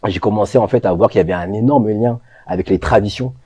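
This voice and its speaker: Soft-spoken, hesitant French-born man. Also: on the low side, quick pace, breathy edge, no echo, lo-fi sound. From France. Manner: thoughtful, hesitant, many fillers. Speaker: co-founder of a natural products brand. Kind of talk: interview answers.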